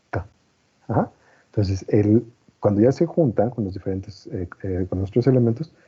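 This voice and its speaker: Dark husky male teacher. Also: lowish voice. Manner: patient, checks understanding with frequent "¿no?" and "¿vale?". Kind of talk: explaining a lecture to a class. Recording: muffled lo-fi recording.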